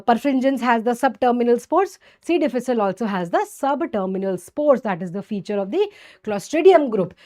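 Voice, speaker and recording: A woman with a North Indian accent delivers a medical lesson in a high-pitched voice. She teaches in a didactic way, posing questions and answering them herself. Hindi phrases slip into her English, along with frequent little check-in tags. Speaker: medical lecturer. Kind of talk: exam-focused microbiology lesson.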